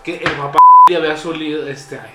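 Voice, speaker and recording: A man's voice: on the high side, fairly even intonation, a little fast, roomy sound, loud music behind the voice. A young man with a Mexican accent telling a party story in casual chat, rambling with lots of slang and fillers. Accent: Mexican Spanish. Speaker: podcast co-host.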